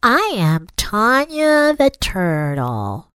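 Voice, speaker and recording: A man voicing a young female turtle who speaks very slowly, for a storybook. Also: high voice, huge pitch swings, pushed and bright, clear, resonant tone, dry recording, clean studio sound, voice pushed up, full character voice. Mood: placid. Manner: very slow, drawn-out speech.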